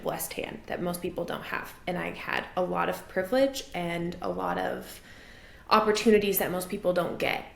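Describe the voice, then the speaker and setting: Woman, from Maine, relationship coach, gravelly fry, earnest, echoey room. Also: on the low side. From Maine, USA. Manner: earnest, reflective, rises when enthusiastic. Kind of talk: casual interview talk.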